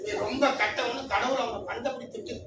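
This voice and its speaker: A booming, exasperated male god who scolds in a high voice, put on by a man telling a story. The voice rings through an echoey hall from far off, with noise behind it. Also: steady tone, fairly quick. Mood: scolding. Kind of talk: storytelling in a speech.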